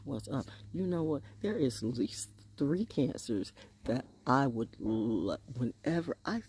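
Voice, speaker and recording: Out on a wooden deck among the trees, a sixty-something vlogger talks into a phone held near at arm's length, cursing freely with plenty of sass and the odd whispered aside. The voice is very deep and dark-toned, with a little hiss or hum underneath.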